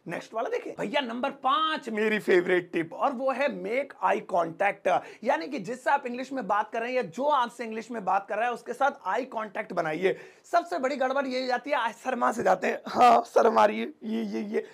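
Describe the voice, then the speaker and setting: Energetic man with a Hindi accent teaching a lesson, rough husky voice, playful and fast. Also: very high-pitched. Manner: fast, joking, acts out sample dialogues. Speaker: English teacher. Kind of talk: energetic spoken-English lesson.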